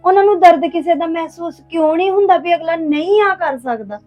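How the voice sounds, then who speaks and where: An earnest young woman, acted by a woman, pleading with a friend in a high voice. Soft music plays faintly behind her in an amateur family web drama. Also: a little fast, lo-fi sound. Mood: hurt. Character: young woman from a poor home, hurt by gossip.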